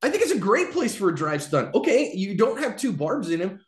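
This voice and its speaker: A middle-aged man giving casual, animated commentary on a video, acting out quotes and laughing along. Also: high voice, fairly quick. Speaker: self-defense video commentator. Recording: roomy echo.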